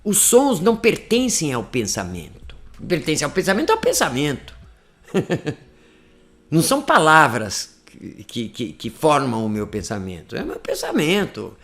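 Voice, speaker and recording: A man teaching an online class, speaking close to the mic in a playful, lively way that often drops to a soft, intimate voice. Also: on the high side, unhurried. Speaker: English teacher. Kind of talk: online lesson talk. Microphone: close to the microphone.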